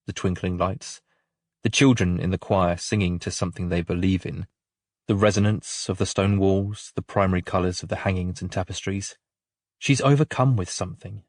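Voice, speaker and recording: A man with a fairly low voice reads a novel in a calm, measured way, letting his level sink softly at quiet moments. He sits close to the mic in a dry, deadened booth with no room sound around him. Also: dry recording. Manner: calm, measured, gentle storytelling with soft drops in volume. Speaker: audiobook narrator. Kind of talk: scripted narration of a novel.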